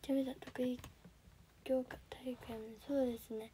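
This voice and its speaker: Soft-spoken teen girl with Kansai accent. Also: high-pitched, flat delivery, moderate pace, slight background noise. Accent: Kansai Japanese. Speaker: audition livestreamer. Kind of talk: casual livestream chat reading viewer comments. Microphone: phone camera.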